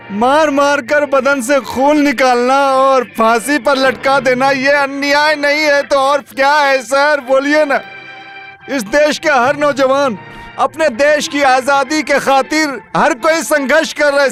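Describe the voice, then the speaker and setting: A man's voice: very high-pitched, slow, fairly bright tone, faint music behind, full character voice. A desperate pleading young man. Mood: impassioned plea. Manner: pleading, impassioned, repeating "sir". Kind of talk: dubbed film acting.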